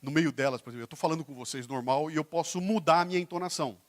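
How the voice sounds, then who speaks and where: A man's voice: a little high, very fast. A man with a Brazilian Portuguese accent giving a motivational lecture on stage, joking with and quizzing his audience. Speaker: keynote speaker. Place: stage before a live audience.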